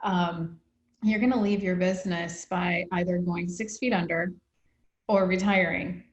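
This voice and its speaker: A woman's voice: fairly low pitch, fairly even intonation, measured pace, reverberant. A woman hosting an interview, talking in an earnest, reflective way. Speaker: host. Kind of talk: conversational interview.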